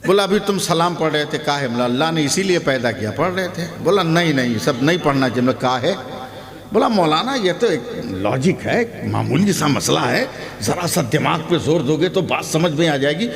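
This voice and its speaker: A man giving a humorous sermon at a public gathering, telling a story and acting out the dialogue, often rising to shouts. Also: a little high, expressive, normal speed, gravelly. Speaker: Islamic preacher. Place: large hall at a public gathering. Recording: long hall reverb with loud crowd.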